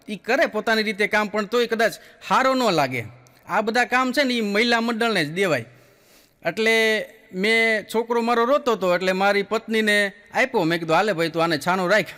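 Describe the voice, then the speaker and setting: High-voiced Kathiawadi Gujarati comedian, hall reverb. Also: male voice, pushed and bright. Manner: folksy storyteller acting out characters in quotes. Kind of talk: stand-up joke telling.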